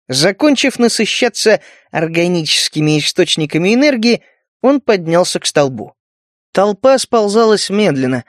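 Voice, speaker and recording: A man narrating an audiobook in an even storytelling manner. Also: high-pitched, no room sound, clean studio sound.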